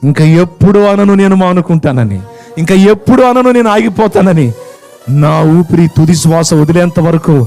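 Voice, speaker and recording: A weeping old preacher pours out an earnest prayer for forgiveness, as a man puts him on while preaching. His voice pleads and presses upward. Quiet music sits faintly underneath. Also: high voice, expressive, normal speed, pitched above the performer's own voice. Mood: repentant. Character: repentant old male preacher begging forgiveness.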